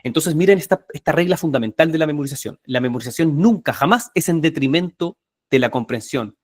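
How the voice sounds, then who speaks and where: A man runs a live online workshop on memorization techniques, speaking emphatically and energetically and repeating key words often. His voice sits on the high side, his pace is fairly quick, and there is no echo.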